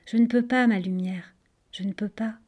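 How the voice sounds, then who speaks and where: A woman reading the part of a young princess in a storybook, earnest and imploring. Her voice is fairly high and mellow. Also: normal speed, natural voice.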